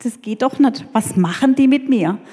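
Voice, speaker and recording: A woman's voice: a little high, normal speed, warm tone, husky. A woman voicing a proud, middle-aged army commander who complains with outrage and self-importance, in a church hall with a long reverb. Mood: indignant.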